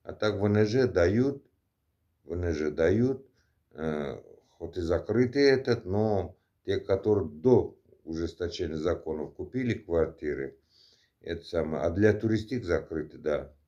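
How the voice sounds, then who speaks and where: Low, dark-voiced man, halting vlog talk. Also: lively intonation, dull audio. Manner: halting, with many fillers and restarts. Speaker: vlogger answering a subscriber. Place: indoors at night.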